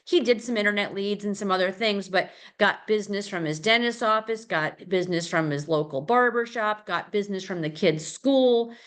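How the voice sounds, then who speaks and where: A woman's voice: mid-range voice, normal speed, hardly any pauses, fairly bright tone. A middle-aged woman leading a casual real estate team training, chatty and rambling, with many fillers and restarts.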